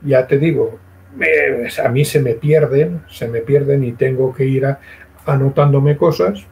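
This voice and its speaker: A man being interviewed as a guest writer, talking in a halting way, full of restarts. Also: mid-range voice, steady tone, mellow, slight background noise, low-quality recording. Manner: halting, with many fillers and restarts. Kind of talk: casual interview chat.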